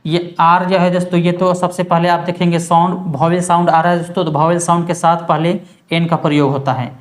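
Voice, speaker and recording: A man teaching English grammar. He talks to his viewers like friends and stretches the example sentences out slowly, one word at a time, so they are easy to follow. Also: a little high, level tone. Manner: keeps addressing viewers as friends. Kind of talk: grammar lesson.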